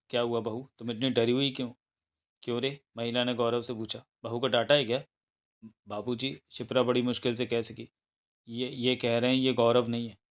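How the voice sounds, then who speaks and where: A man reading a thriller novel aloud as an audiobook narrator, in a steady storytelling manner. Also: mid-range voice, clean tone.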